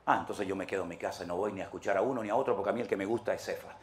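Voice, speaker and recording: A man voicing a fickle, gossiping churchgoer in a low, muttering tone. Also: animated, normal speed. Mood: gossipy. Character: fickle, gossiping churchgoer, petty and self-satisfied.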